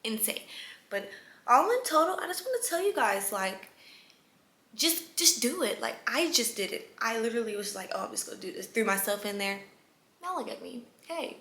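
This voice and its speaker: A young woman in her late teens telling her story in a casual, chatty vlog, animated and prone to whispered asides. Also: on the high side, normal speed. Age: young adult. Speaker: vlogger. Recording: echoey room with faint ambience.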